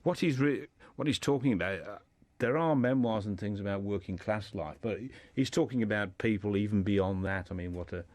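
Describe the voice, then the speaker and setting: As a guest on an informal radio discussion, a man explains things haltingly and often repeats words. His voice is fairly low, with no echo.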